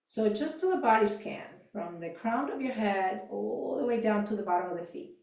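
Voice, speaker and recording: A woman gently guiding a yoga and mindfulness class, cueing neck movements, voice exercises and breathing in a calm way with soft trailing endings. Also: medium pitch, normal speed, vocal fry, recorded from a distance. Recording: echoey room, voice off-mic.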